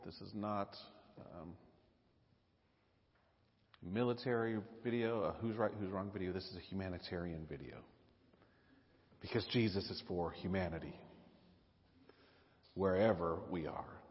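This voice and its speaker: A low-voiced male pastor delivers an earnest sermon and stops now and then with "um" and "uh." His voice rings out in a long church reverb. The sound is a little dull. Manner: earnest, halting with fillers. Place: church sanctuary.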